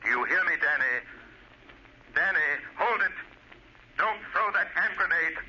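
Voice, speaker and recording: The Shadow, forceful radio crime-fighter. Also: male voice, high-pitched, animated, exaggerated voice. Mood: hypnotic, intense. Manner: authoritative, measured, theatrical. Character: commanding, shadowy crime-fighting hero, resolute and hypnotic. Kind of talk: 1940s radio drama acting. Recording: dull, noisy old radio recording.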